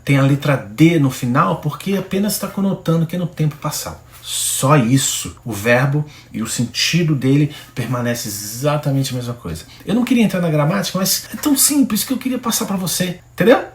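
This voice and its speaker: Animated Brazilian man coaching English. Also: a little high, a little fast, hardly any pauses, reverberant. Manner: animated, coaching, direct address to viewer. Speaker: English teacher. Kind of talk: Bible-based English lesson.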